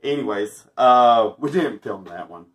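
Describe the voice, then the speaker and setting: A man in his thirties with a mid-range, slightly bright voice chats in an animated way at a measured pace while testing a laundry product, joking and chuckling often. It's a casual product review recorded on a camera mic in a small indoor room with a star-patterned backdrop.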